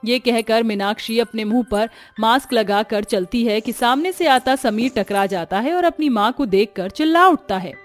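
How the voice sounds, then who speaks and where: A woman telling a cartoon family story as narrator, steady and plain. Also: on the high side, moderate pace, few pauses, soft background music.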